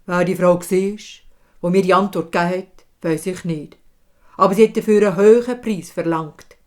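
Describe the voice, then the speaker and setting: A woman's voice: medium pitch, measured pace, a little mellow, natural voice. A woman storyteller with a Swiss German accent voicing a proud, impatient king who speaks curtly.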